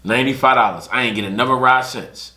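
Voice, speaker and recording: A young male podcast host talks quickly in a medium-pitched voice, telling casual anecdotes and animatedly acting out what others said. The recording has an echoey room sound.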